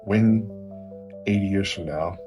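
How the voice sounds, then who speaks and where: A man's voice: sits low, slow pace, highs cut off, over music. A middle-aged man with an Oklahoma Okie accent, hosting a conversational interview in a rambling, encouraging way. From Oklahoma, United States. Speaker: interview show host.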